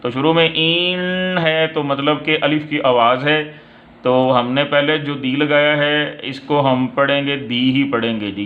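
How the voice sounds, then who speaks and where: A man, explaining English pronunciation slowly and deliberately, drawing out each example word. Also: on the high side. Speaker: English teacher. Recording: dull lo-fi recording.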